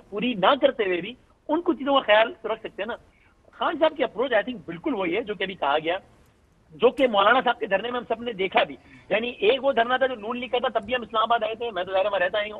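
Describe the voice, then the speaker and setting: Husky man on a tinny phone line. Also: high voice. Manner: measured, explanatory, builds his point step by step. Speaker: analyst guest. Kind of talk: talk-show analysis by phone. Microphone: phone call.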